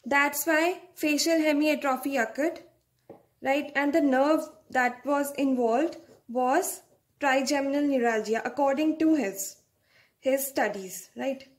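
Woman, young adult, medical lecture, high-pitched, unhurried, explanatory, checks in with "right?". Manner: slow and explanatory, often adding a checking "right?".

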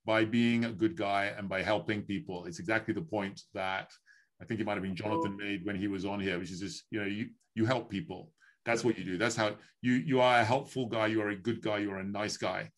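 A fifties-aged host from Ghana conducts a video call interview from his home, a room with wooden beams, through a webcam. His voice is on the low side, fairly even in intonation and a little fast. He comes across as friendly, chatty and upbeat, repeating phrases often.

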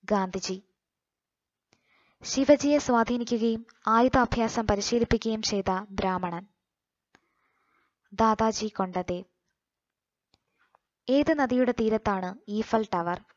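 A Malayali woman reads quiz questions and answers aloud for exam coaching, taking her time over each one. Her voice sits slightly high and the delivery stays measured. The recording is dry and a bit muffled, with no room around her. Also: no room sound.

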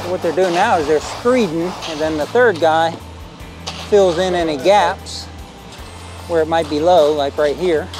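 A man's voice: on the high side, unhurried, over music. A middle-aged man, talking casually to a phone held at arm's length outdoors while explaining a concrete pour. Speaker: homestead vlogger. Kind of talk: casual walk-and-talk narration. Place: outdoors on a rural building site.

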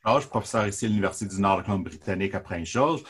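A man in his forties from northern Alberta, a professor explaining his research in a measured way over a video call from his office. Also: deep voice, lively intonation. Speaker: professor, guest. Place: office with bookshelves, indoors. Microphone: video call webcam.

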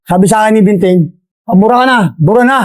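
Older man with a high-pitched voice. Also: quick pace, slight background noise. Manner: storytelling with frequent tag questions. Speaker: interviewee, former inmate. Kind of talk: casual recounting of prison life.

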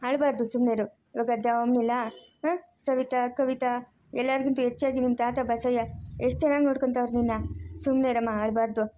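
A woman voicing a warm, firm motherly woman in a cartoon who comforts a crying girl. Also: a little high, level tone, slight background noise, lightly acted. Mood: comforting. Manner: fast, soothing, repeats comfort.

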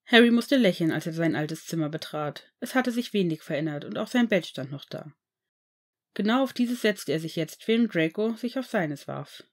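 A woman's voice: fairly low pitch, expressive, normal speed. Woman reading a fan-fiction story. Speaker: audiobook reader. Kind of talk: storybook narration.

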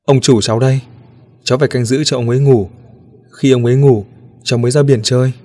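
A man's voice: medium pitch, fairly even intonation, fast talker, mellow, natural voice. A man doing a wistful little ghost boy. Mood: earnest, wistful. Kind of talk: storybook reading.

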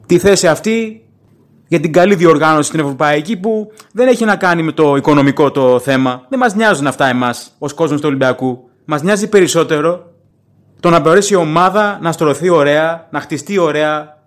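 Opinionated man hosting a fan podcast. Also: a little high. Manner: opinionated, plain-spoken and rambling. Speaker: podcast host and football fan. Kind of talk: casual solo podcast commentary.

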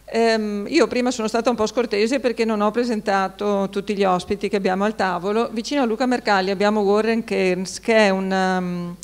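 A middle-aged woman with a smooth, clear voice speaks as the moderator at a panel table. Her delivery is unscripted and semi-formal, explanatory, with hesitant little asides. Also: medium pitch, fairly even intonation, brisk, hardly any pauses. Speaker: moderator of a public event. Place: large historic hall, at a panel table. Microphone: table microphone with foam cover.

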